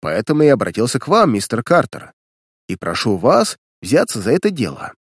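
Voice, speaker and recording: A hot-tempered older millionaire played by a man reading a story aloud, blustering and indignant, his voice jumping high as he shouts. The recording is dry and close, with no room sound. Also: huge pitch swings, normal speed, slightly rough, no echo, exaggerated voice. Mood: pleading. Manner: loud, indignant outbursts.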